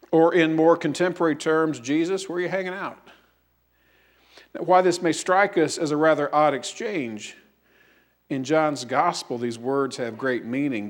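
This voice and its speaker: Male pastor, slightly high voice, storytelling sermon with emphatic repeats. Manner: storytelling, animated quotes, slow emphatic repetition.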